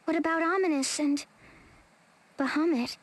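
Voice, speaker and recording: A woman's voice: high-pitched, moderate pace, slight background noise, close to an everyday voice. A woman voicing a strong-willed young heroine in a video game, plain-spoken and commanding but caring. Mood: worried.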